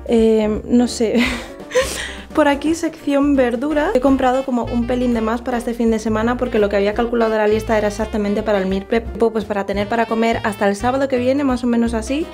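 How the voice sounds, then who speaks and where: Young woman, Spanish accent, fairly high voice, chatty and self-mocking vlog talk, handheld camera, small kitchen, faint music behind. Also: fairly even intonation, fairly quick, a little mellow. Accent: Spanish from Spain. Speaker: vlogger. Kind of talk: casual vlog chat. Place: small home kitchen, indoors. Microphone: handheld camera close to face.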